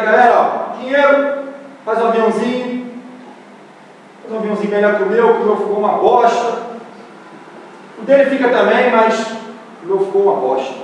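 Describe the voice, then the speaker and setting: A man with a Brazilian accent leading an impressions class in a comedy sketch, loud and bossy, calling out to a group. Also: sits high, slight background noise. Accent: Brazilian Portuguese. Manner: loud, bossy, shouting call-and-response. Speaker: impressions teacher. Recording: echoey room from far off.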